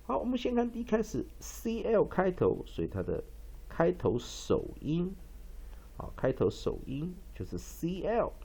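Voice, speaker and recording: A male English teacher giving a pronunciation lesson, explaining at length with many drawn-out fillers and reading dictionary entries aloud. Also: high-pitched, huge pitch swings, dark tone, husky. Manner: reads dictionary entries slowly.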